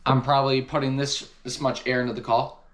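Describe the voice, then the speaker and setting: Casting: man, mid-pitched voice, casual hunting gear reviewer, enthusiastic, leans on repeated words for emphasis. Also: little pitch movement, a little fast, background noise. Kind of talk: casual product review to camera.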